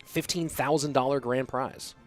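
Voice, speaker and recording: A young man's medium-pitched voice moves at a moderate pace over soft background music, his nose stuffy from a cold. He's an esports commentator casually casting a match solo, calling the play-by-play and reading chat. Between plays he stays relaxed and chatty, answering viewers' questions.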